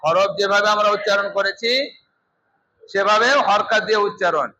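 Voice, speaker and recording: A man's voice: sits high, fairly even intonation, normal speed, over a noisy crowd, very noisy. A man teaching a Quran class, instructive, repeating points and quizzing his students. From Bangladesh. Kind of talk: teaching a class, drilling letters.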